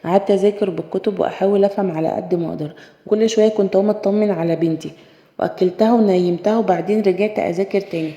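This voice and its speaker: A woman's voice: mid-range voice, fairly even intonation, very fast, mellow, highs cut off. A woman with an Egyptian accent narrating a sorrowful first-person story. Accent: Egyptian Arabic. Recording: echoey room with long reverb.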